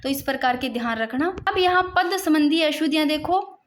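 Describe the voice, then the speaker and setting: A woman's voice: sits high, expressive, fairly quick. A woman teaching an exam-prep grammar lesson, explaining and repeating points to her students.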